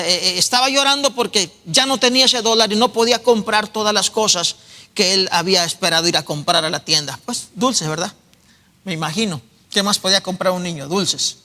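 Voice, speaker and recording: Pastor preaching, high ringing voice, earnest storyteller, big church echo. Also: male voice, bright, forceful tone. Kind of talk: sermon. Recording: echoey church hall.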